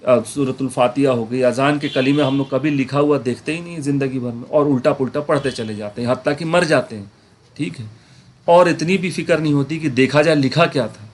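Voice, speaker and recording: A man teaching a Quran grammar class, explaining patiently, checking in with his students and slowly repeating words to show how they are said. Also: medium pitch. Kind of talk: online class lecture.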